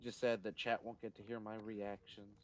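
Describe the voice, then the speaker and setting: A man trading casual, teasing banter with friends on a live game stream, quick to poke fun at himself. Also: fairly low pitch, little pitch movement, a little hiss or hum. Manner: teasing, self-deprecating banter.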